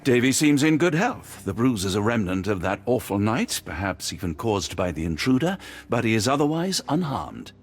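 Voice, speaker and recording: A man's voice: on the low side, sing-song, moderate pace, hardly any pauses. A man playing an earnest, decent doctor, a detective's loyal companion, in courteous, formal video game dialogue. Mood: kindly, reassuring. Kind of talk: dramatic mystery game dialogue.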